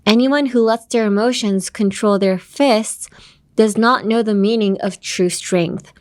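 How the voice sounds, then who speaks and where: A woman reading the lines of a polite, composed young woman gently lecturing a little girl, formal and gentle. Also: medium pitch, slow pace, natural voice.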